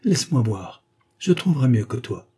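A man voicing a sharp-tongued, impatient bourgeois wife who scolds loudly in a raised, husky voice. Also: mid-range voice, very animated, moderate pace. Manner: loud, scornful and exclaiming.

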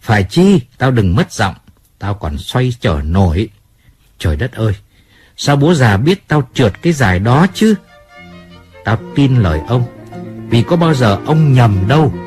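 A man's voice: medium pitch, sing-song, measured pace, a little mellow, soft background music. A man voicing a hot-tempered, self-pitying male singer in an audiobook, swearing and then apologizing.

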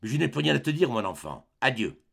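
A man reading aloud, voicing a broken middle-aged mother who speaks low, slow and grave. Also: very animated, vocal fry, slightly rough, full character voice. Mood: despairing. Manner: low, quiet and heavy, with slow grave phrasing.

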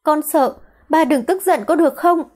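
A woman's voice: high voice, normal speed, a little mellow, pitched above the performer's own voice, lightly acted. A woman voicing a frightened little girl who pleads tearfully with her father in an audiobook. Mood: tearful pleading.

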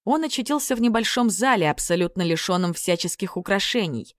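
A woman reading a fairy-tale audiobook in a measured, expressive way. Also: medium pitch, no room sound, studio quality. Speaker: narrator.

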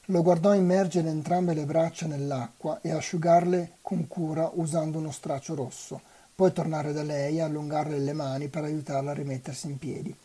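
Reader doing a novel aloud, unhurried and even, really dark husky voice. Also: mid-range voice. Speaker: volunteer reader.

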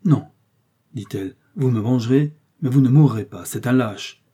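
Man putting on a cold scheming noblewoman, lifted pitch, intense, husky, audiobook. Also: moderate pace, dark tone, natural voice. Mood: commanding.

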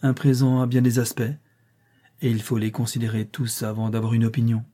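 Reserved young governess read by a man, polite, dark husky voice. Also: mid-range voice, little pitch movement, brisk, close to an everyday voice. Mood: composed. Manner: polite and composed.

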